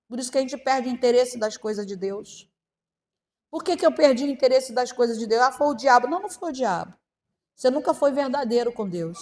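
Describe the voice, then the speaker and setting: A middle-aged woman pastor with a Brazilian accent, preaching a sermon with passion, swinging between loud and hushed and acting out prayers in her own voice. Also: high-pitched. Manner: acts out prayers in quoted first person. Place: church hall. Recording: long church-hall reverb.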